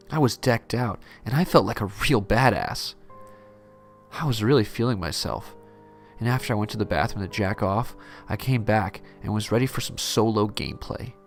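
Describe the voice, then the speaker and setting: A man narrating a parody horror story in a deadpan first-person telling. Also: fairly low pitch, vocal fry.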